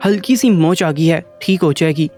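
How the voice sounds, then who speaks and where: A kind young doctor speaking calmly and professionally, read by a man narrator. The voice is slightly high for a man. Light music plays faintly. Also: natural voice. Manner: calm, professional. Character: calm young male doctor, kind brother-in-law.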